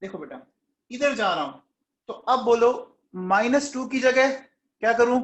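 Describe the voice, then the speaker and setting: High-voiced teacher coaxing students. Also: male voice, animated, fairly bright tone, roomy sound, low-quality recording. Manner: coaxing, keeps checking if students understood; calls on students by name to answer quickly. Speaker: chemistry teacher. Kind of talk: classroom lecture.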